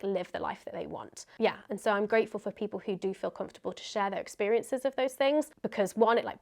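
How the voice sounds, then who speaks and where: A woman hosting a casual question-and-answer vlog, talking candidly and conversationally as if thinking aloud. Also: mid-range voice. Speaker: video host answering viewer questions.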